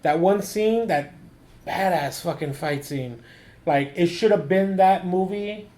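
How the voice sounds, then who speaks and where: A man co-hosting a casual film review with swearing, talking in a slangy, halting way and often repeating words. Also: high-pitched, dark tone. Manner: halting, slangy, heavy use of "like" and repetition.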